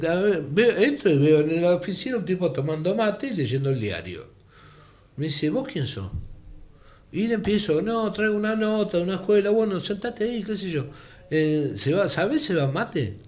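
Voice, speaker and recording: Animated older Argentine storyteller. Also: male voice, on the high side. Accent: Argentine Rioplatense Spanish. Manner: animated, acts out the voices in his stories. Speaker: interview guest, former teacher and journalist. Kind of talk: anecdotal storytelling.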